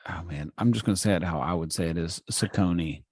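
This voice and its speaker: A man co-hosting a podcast in casual chat, playful and teasing, often clearing his throat, talking over a remote call. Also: deep voice, fast, a little mellow, no room sound, studio quality. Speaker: podcast co-host. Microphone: remote call mic.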